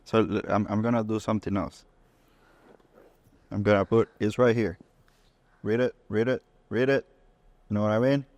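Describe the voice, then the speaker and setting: Relaxed Honduran-born man, lowish voice. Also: normal speed, long pauses, dry recording. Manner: relaxed storytelling with swearing and restarts. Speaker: podcast co-host. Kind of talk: casual chat.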